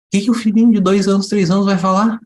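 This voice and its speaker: A man with a high voice gives an animated spiritual talk to a group. He asks rhetorical questions and jumps into quick little impressions of a child and its mother as he explains. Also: reverberant. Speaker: spiritual teacher.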